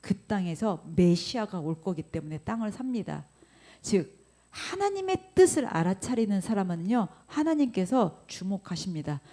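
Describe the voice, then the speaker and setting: A woman's voice: medium pitch, normal speed. A woman pastor preaching a sermon, acting out grumbling remarks and asking the congregation questions. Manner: animated, acts out grumbling quotes, questions the congregation.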